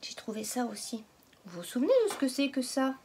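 A woman teaching a phonics lesson to young children, stretching out each word slowly and patiently asking questions. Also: a little high, mellow, husky. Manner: slow, exaggerated word pronunciation. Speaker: kindergarten teacher.

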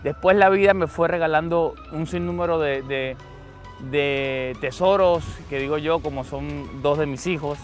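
A middle-aged man from Argentina, an interview guest talking earnestly with many pauses and restarts. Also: a little high, soft background music. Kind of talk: conversational interview. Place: outdoors.

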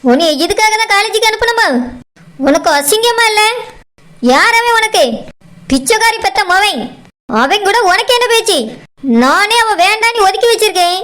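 A harsh middle-aged village mother in a cartoon, voiced by a woman, forever scolding and berating in a shrill, piercing voice. She sits very high in her register and never lets up. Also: normal speed, pauses often, a bit bright. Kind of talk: cartoon voice acting.

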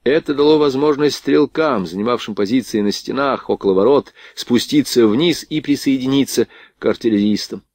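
A man reading a historical war novel aloud as an audiobook narrator, with a steady literary delivery. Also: mid-range voice, moderate pace, no echo, studio quality. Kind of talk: scripted narration.

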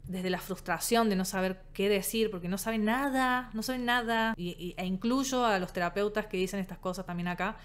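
A woman psychologist with a Rioplatense Spanish accent talks straight to her viewers in a casual, emphatic way. Her voice is smooth and resonant at a middle pitch, and she slips into little acted-out versions of what other people say. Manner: animated, emphatic, acts out quoted phrases. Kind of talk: casual talk to camera.

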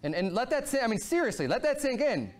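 Preaching a sermon from a church sanctuary pulpit, a pastor in his thirties speaks fast in a high, bright-edged voice. He's fervent and animated, swinging from low, quiet asides up to ringing exclamations.

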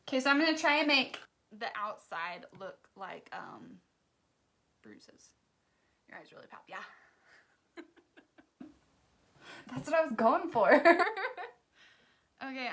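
A woman's voice: fairly high pitch, a bit bright, slight background noise. A woman hosting a casual livestream makeup tutorial from home, chatty and joking at her own expense.

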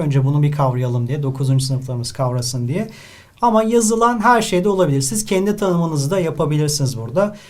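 A man's voice: on the high side, a little mellow. A male literature teacher from Turkey working through an exam paper step by step, writing as he talks and often turning to his students. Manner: explains step by step, addresses students often, writes while talking. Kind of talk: exam-review lesson.

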